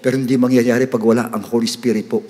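A man preaching a sermon as pastor, mixing Tagalog and English and rising to loud, emphatic peaks when reading scripture. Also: mid-range voice, flat delivery, fast. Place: church hall. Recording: long hall reverb.

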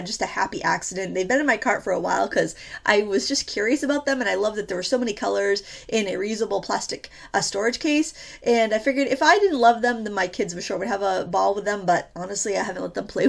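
This painting tutorial is led by a chatty woman who rambles and leans heavily on fillers. She talks fast and expressively in a mid-range voice with vocal fry, sounding a bit stuffy from a cold.

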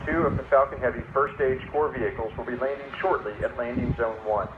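Man over a tinny loudspeaker. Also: mid-range voice, quick pace. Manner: calm, clipped, official delivery. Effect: heard over an outdoor loudspeaker paging system. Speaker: public address announcer. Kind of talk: formal safety announcement. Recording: tinny, echoey loudspeaker with loud outdoor noise.

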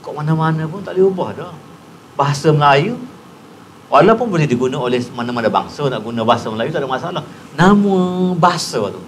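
A retired man in his sixties, a guest on a TV studio couch, earnestly explains a point in a Patani Malay accent, speaking fast with a somewhat high voice and lively intonation. His lapel mic picks up slight background noise.

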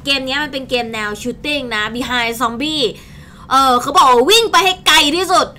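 Seated at an indoor desk setup, a young adult woman from Thailand streams games with informal, talkative commentary, calling out as she plays. Her high voice is bright and forceful with lively intonation and normal speed, and there's slight background noise.

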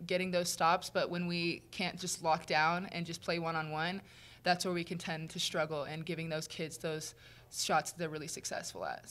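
A woman's voice: on the low side, fairly bright tone. A young adult woman, a college basketball player, answering reporters after a game in an earnest, straightforward way. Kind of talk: post-game press conference answers. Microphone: table mic in front.

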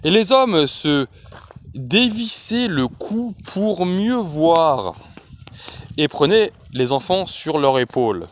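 A man reading a fantasy novel aloud as an audiobook, in a slow, expressive way. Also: on the high side, a little hiss or hum. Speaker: audiobook reader.

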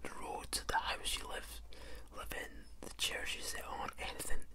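Unhurried and slightly under the weather, the man whispers his way through a reading at a table indoors. It's an ASMR video, and his delivery is a soft, unvoiced croak at a slow pace.

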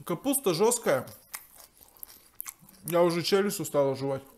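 A man's voice: on the high side, expressive, normal speed, darkish tone. A man hosting a mukbang, chatting casually in a homely, folksy way while talking with his mouth full. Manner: homely, folksy, sprinkled with sayings. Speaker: mukbang host. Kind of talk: casual chat while eating on camera.

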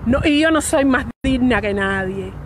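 A young woman with a Cuban accent talks straight to the camera in a raw, personal statement, stumbling and restarting her words. Her voice sits high. Loud street traffic runs behind her outdoors. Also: expressive. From Cuba. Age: young adult. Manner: halting, repeats and restarts words. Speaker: fired state worker speaking out. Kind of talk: emotional personal video statement.

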